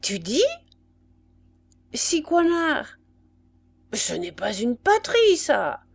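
A woman's voice: fairly high pitch, sing-song, unhurried, pitched above the performer's own voice. A woman playing a barking army sergeant. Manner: loud, barking questions. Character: gruff male Republican army sergeant, blustering interrogator.

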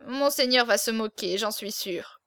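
A woman's voice: sits high, unhurried, bright, forceful tone, clean tone, no echo, clean studio sound. A woman reading the part of a small hunchbacked man, hesitant and stammering, with a hidden intensity, in an audiobook. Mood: timid. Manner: hesitant, stammering, turning fervent.

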